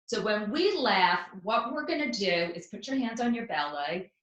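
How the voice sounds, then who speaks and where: A woman's voice: medium pitch, normal speed. A woman teaching laughter yoga as an interview guest, explaining with energy and demonstrating as she goes. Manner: energetic, instructive, with bursts of laughter. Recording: echoey room.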